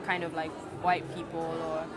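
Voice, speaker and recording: Young Nigerian woman, hesitant, low voice. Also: completely flat delivery, moderate pace, over a noisy crowd, heavy background noise. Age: young adult. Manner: hesitant, many fillers and restarts. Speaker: interviewee, student. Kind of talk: casual interview answers.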